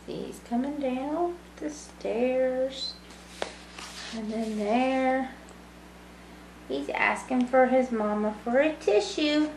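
Reading a picture book aloud to little kids, this student volunteer in her thirties talks in a high-sitting voice, slowly and with frequent pauses. She keeps it simple with tag questions, and the small brick-walled room sounds echoey, with background noise.

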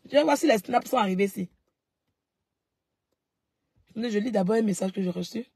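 A woman's voice: mid-range voice, moderate pace, mellow, husky, no room sound, clean studio sound. A woman vlogger answering followers in a live stream, confrontational and mocking, repeating herself as she talks straight into her phone.

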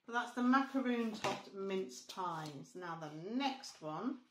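A woman's voice: mid-range voice, lively intonation, slow pace, echoey room, background noise. A woman co-hosting a casual vlog, chatting and reading recipes out aloud. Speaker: vlog co-host. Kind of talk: casual chat.

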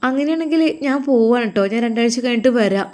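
A woman's voice: on the high side, fast, darkish tone, natural voice. A woman voicing a scheming young woman who talks in a coaxing, innocent-sounding way, with a Malabar Malayalam accent.

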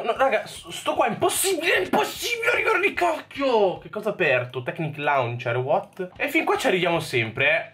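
An excitable young Italian man commentates his gameplay, his voice bright and forceful. His pitch sits a bit high and jumps all over as he cheers himself on and swears at misses. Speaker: gaming YouTuber. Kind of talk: Minecraft parkour gameplay commentary.

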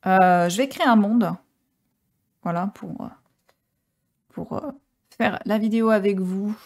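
A woman's voice: medium pitch, slow, a little mellow. A woman gaming streamer giving casual gameplay commentary, chatty and joking with many hesitations.

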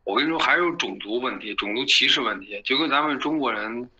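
A man's voice: mid-range voice, quick pace, sharp tone, husky, lo-fi sound. A middle-aged man, arguing animatedly as an interview guest and often asking "you know?". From China. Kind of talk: casual opinionated chat.

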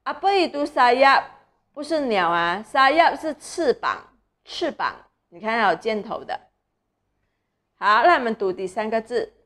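A young woman teaches small children to read, sounding out syllables slowly. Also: on the high side, sing-song, a bit bright. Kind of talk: children's reading lesson.

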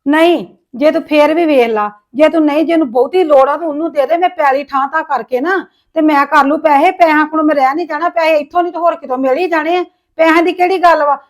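A woman's voice: high-pitched, fast talker. A woman acting a widowed sister-in-law in a family drama, complaining in an aggrieved, lamenting way.

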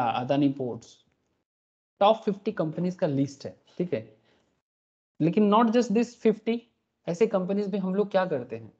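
A man's voice: fairly high pitch, dark tone. A man teaching an online class, explaining with rhetorical questions and checking that students follow. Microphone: computer mic on a recorded video call. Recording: dull lo-fi meeting recording.

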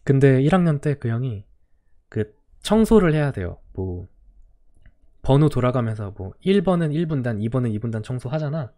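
Hoarse man telling school stories. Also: medium pitch, very animated, normal speed. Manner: storytelling, acting out quotes with swings in loudness. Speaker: streamer. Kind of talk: casual radio-style chat stream.

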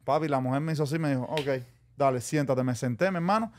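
A man's voice: medium pitch, fast talker, a little hiss or hum. A man, a podcast guest telling a story in casual chat, acting out what people said to him. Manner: animated storyteller acting out quotes, calls listeners "mi hermano".

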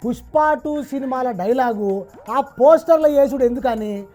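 A woman's voice: high voice, a little slow, warm tone. Teasing woman host with a Telangana accent. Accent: Telangana Telugu. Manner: teasing, dialect-heavy banter, dramatic line delivery. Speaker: comic interviewer host. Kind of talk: comic satirical interview.

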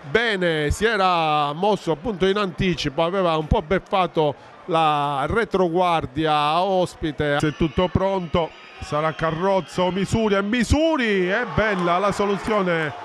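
Male football commentator, high register, breathless and urgent, noisy outdoor ground. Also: measured pace, a bit bright. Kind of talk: excited Italian football highlights commentary. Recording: noisy open-air stadium ambience.

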